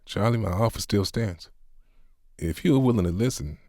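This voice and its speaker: This is a seasoned pastor, patient and compassionate, who steers a hurting friend with firm words and wry, teasing questions, voiced by a man. His voice sits a touch higher than the narrator's and is recorded close and dry. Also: moderate pace, mellow, dry recording, natural voice. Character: patient older male pastor, gently sarcastic.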